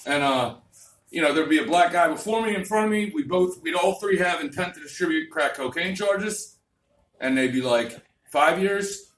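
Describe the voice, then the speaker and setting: A man's voice: fairly high pitch, animated, normal speed, fairly bright tone. A man doing a crude, vulgar, rambling stand-up comedy set on a club stage. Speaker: stand-up comic. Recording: roomy club, distant mic, faint noise.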